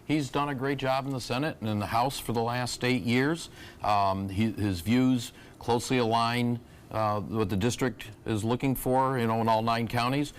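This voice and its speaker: A man giving unscripted political commentary as an election night analyst, often pausing mid-sentence. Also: medium pitch, fairly even intonation, a little hiss or hum.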